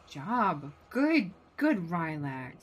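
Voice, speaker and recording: A woman game streamer chats casually and thinks aloud while playing, swinging between muttering and exclaiming, with music behind her voice. She has a fairly low pitch, sounds very animated and speaks very slowly. The recording is muffled.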